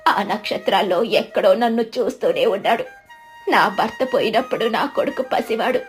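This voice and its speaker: A woman voicing a frail, lonely old village woman who speaks weakly and slowly, in a storybook. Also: medium pitch, faint music behind, natural voice. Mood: tender. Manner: weak, slow, pleading. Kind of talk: storybook narration.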